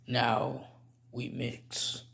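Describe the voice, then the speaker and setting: A man's voice: medium pitch, completely flat delivery, drawn-out words, gravelly, fairly bright tone, heavily acted. A man playing a rambling, stammering middle-aged chemist cook in a comedic how-to tutorial. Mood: dry, instructive. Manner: rambling, stammering, self-correcting.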